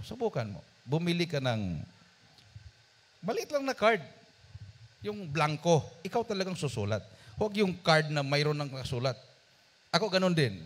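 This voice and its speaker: A male preacher telling a story in a sermon, addressing his congregation directly and swinging between loud emphasis and quiet asides. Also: medium pitch. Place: church service.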